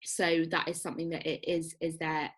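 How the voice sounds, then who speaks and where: A woman's voice: low voice, completely flat delivery, moderate pace, low-quality recording. A woman presenting an educational workshop, explaining patiently with frequent ums.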